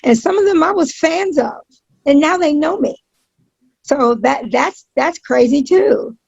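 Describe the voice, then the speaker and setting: A woman chatting casually as an interview guest, speaking emphatically and repeating phrases for stress, with a gravelly, husky voice on dull, lo-fi audio. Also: high-pitched, expressive, measured pace, a little mellow, no room sound. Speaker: interview guest, pro wrestling announcer.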